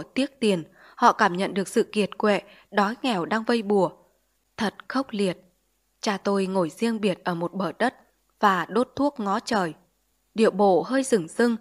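Woman reading sorrowfully. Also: mid-range voice. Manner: measured, sorrowful. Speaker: narrator. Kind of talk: literary audiobook narration.

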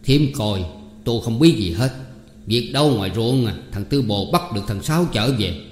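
A man voicing a gruff, quick-tempered farm foreman in a storybook reading, in an echoey room. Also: mid-range voice, expressive, close to an everyday voice. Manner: gruff, accusing. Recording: echoey room, long reverb.

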